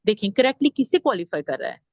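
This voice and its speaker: A woman's voice: mid-range voice, very animated, fast, darkish tone, dry recording. A woman teaching a grammar class, explaining step by step and putting questions to her students. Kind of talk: classroom lesson.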